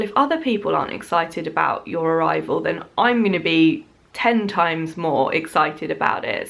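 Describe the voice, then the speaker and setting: Candid woman vlogger, slightly low voice. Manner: candid, reflective, frequent fillers and soft laughs. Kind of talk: personal storytelling vlog.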